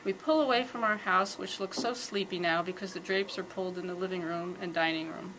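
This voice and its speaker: Woman calmly reading her story aloud. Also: on the low side, a little fast, slight background noise, poor audio. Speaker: author reading her fiction. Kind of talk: first-person story reading. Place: live reading event.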